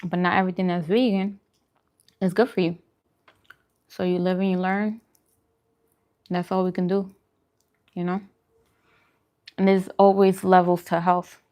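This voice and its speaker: Warm and fairly low in pitch, this woman's voice stays level and unhurried, with long pauses. As a vegan food vlogger hosting a casual mukbang, she chats to the camera reflectively, encouraging her viewers in a conversational tone.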